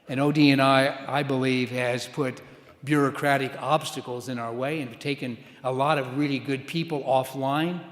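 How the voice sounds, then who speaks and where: An older American man giving a formal keynote speech, with deliberate, emphatic delivery and the repeated cadences of a rally speech. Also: medium pitch. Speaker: keynote speaker, former intelligence official. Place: large indoor conference hall, amplified. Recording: echoey hall with long reverb.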